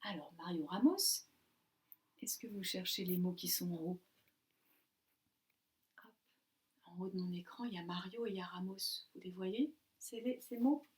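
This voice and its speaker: A woman giving a recorded lesson to young children, coaxing and sing-song, spelling letters out slowly. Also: on the low side, a little mellow. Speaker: kindergarten teacher. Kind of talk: remote class video lesson for young children.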